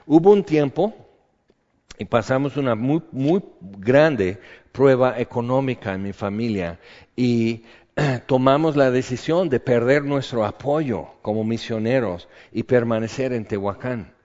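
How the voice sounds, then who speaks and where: A man preaching a sermon, moving between hushed prayerful passages and loud fervent outbursts. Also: mid-range voice, a little slow. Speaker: pastor. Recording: dull sound with long hall reverb.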